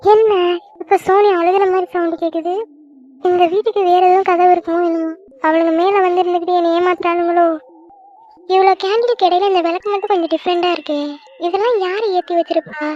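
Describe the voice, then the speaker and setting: A woman voicing a frightened girl alone in a dark house, calling for her friends and talking to herself. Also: extremely high pitch, steady tone, fast, dull audio. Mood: anxious. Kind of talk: cartoon voice acting.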